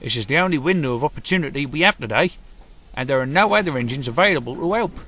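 A man voicing a practical male railway foreman in a storybook, brisk and matter-of-fact. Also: mid-range voice, expressive, bright, forceful tone. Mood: worried.

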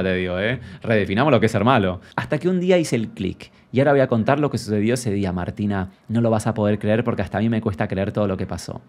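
A man's voice: lowish voice, close to an everyday voice. A man with a Rioplatense Spanish accent playing a brash, gossipy female friend character, reading out a viewer's story and mocking it in a camp, theatrical way. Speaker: comedy creator reading viewer anecdotes in character. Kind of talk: character comedy monologue.

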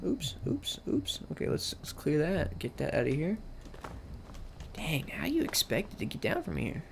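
A young man riffing casually over his gameplay, slangy and self-mocking. His pitch moves around a lot and carries some gravelly fry. A faint hiss of noise sits under it. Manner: joking, slangy, talks to himself. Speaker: let's play host.

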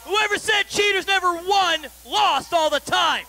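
A man's voice: extremely high pitch, unhurried, gravelly, sharp tone. A young man playing the boss in a wrestling promo, making emphatic announcements with stretched-out words. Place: brick-walled indoor wrestling venue. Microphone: handheld microphone.

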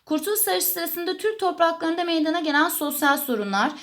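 A woman's voice: very high voice, fast, a bit bright. A woman teacher walking students through exam questions, explaining step by step and answering her own questions. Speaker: history teacher. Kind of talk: exam question walkthrough lesson.

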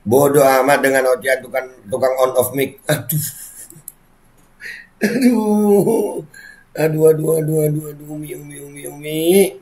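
A man's voice: a little high, flat delivery, brisk. A man chatting casually as he reads viewer comments aloud and reacts to them with frequent exclamations.

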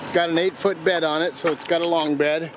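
An older man working as an auctioneer gives an easygoing, plainspoken walkaround of a vehicle for sale, using fillers and restarts. His voice is a little high, flat and fairly quick. Filmed on a handheld phone outdoors in a gravel lot and inside a pickup cab, the recording is noisy.

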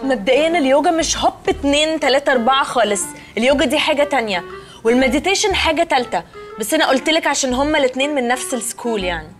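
A woman's voice: high-pitched, expressive, racing, faint music behind. An actress with an Egyptian accent playing a spoiled, prim rich young woman who sprinkles English words into her speech. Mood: earnest. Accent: Egyptian Arabic. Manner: snippy and prim. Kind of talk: TV comedy series acting.

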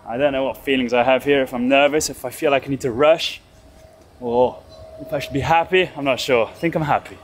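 A man in his thirties narrates his sailboat restoration vlog outdoors in a boatyard, holding an action camera at arm's length. His mid-range voice runs a little fast, with slight background noise. He's chatty and excitable, thinking out loud as he goes.

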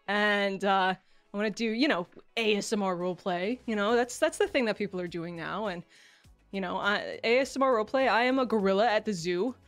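A woman streamer chatting casually on a livestream in a playful, giggly, self-deprecating way. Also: mid-range voice. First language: English. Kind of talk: casual livestream chat, debut introduction. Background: background music.

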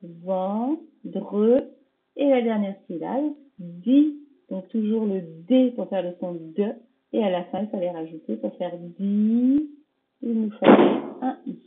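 A woman's voice: mid-range voice, takes it slowly. A woman primary school teacher correcting a dictation for young pupils, patiently sounding out each word syllable by syllable and checking in with them. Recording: tinny phone-like audio.

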